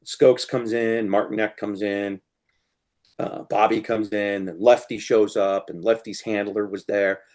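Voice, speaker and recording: A man's voice: lowish voice, unhurried. A man, a guest fly tier, chatting casually with lots of "you know" fillers as he demonstrates tying flies and tells stories. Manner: animated, laughs as he tells stories.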